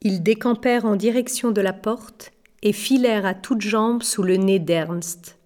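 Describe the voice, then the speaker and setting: A woman narrating an audiobook with expressive character voices. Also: medium pitch, measured pace.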